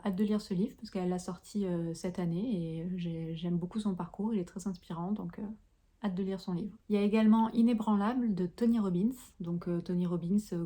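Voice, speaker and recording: A woman with a fairly low, warm and mellow voice talks casually to her viewers in a vlog. She sounds chatty and addresses the listener directly, often pausing hesitantly between phrases. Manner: speaks with frequent hesitant pauses. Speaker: video creator. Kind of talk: casual vlog talking to camera.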